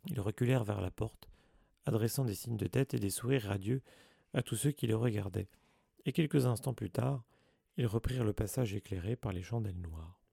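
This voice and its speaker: A man narrating an audiobook in a measured storytelling read. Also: lowish voice, gravelly, warm tone, husky, no echo, studio quality.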